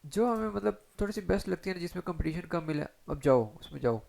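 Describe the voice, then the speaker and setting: A man teaching SEO in a chatty screen-share tutorial, talking straight to viewers and filling pauses with short check-ins. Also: sits high, expressive, creaky, a little mellow. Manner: chatty, addresses viewers directly with frequent fillers. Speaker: SEO instructor.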